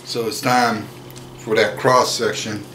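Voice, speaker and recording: Slow easygoing man cooking at home. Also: lowish voice, level tone, heavy background noise. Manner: slow, easygoing, jokey, chews between remarks. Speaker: cooking vlog host. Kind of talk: casual cooking demo. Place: home kitchen and dining room, indoors.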